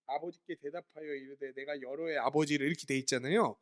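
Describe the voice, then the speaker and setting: A man's voice: fairly high pitch, steady tone, fast. A man preaching a sermon as pastor, asking his listeners questions and answering them himself while explaining words from the Greek Bible.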